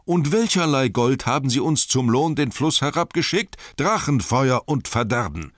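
A pompous, scheming older mayor who speaks in loud, ringing oratory, put on by a male audiobook reader. The voice climbs high above the reader's own register and swings widely in pitch. The dry, close recording keeps every word sharp and up front. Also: big pitch swings, unhurried, dry recording. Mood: indignant. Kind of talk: audiobook reading.

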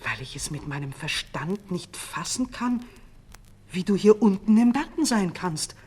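A woman's voice: on the low side, expressive, a little slow, a little mellow, husky. A woman takes on a bewildered king who cannot grasp what he has seen. He speaks uncertainly, his voice rising as he explains in a storybook tale. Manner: confused and uncertain. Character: bewildered, hesitant old king.

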